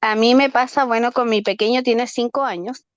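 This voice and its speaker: A woman student talks earnestly in a conversational tone, describing an example from home. Her voice sits a little high. It comes through muffled, lo-fi audio that is close and dry. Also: fairly even intonation, normal speed, no room sound. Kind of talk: sharing an experience in class. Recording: dull lo-fi call audio.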